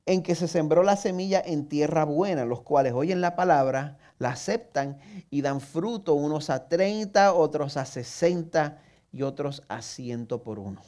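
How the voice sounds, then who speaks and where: Preaching earnestly with a Puerto Rican accent, this male pastor from Puerto Rico has a slightly high voice with a dark tone. He fires direct rhetorical questions at his audience and adds a touch of self-deprecating humor.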